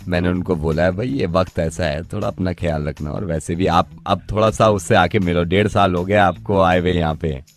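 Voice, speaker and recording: A man who hosts a radio show, making a prank phone call, speaking in a calm, coaxing, insistent way. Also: low voice, brisk, few pauses. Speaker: radio host pulling prank calls.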